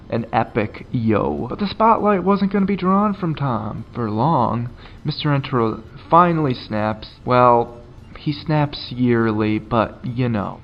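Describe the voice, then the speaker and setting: A man's voice: mid-range voice, lo-fi sound. Sarcastic, swearing commentary guy. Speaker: commentary YouTuber. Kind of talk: casual profane commentary.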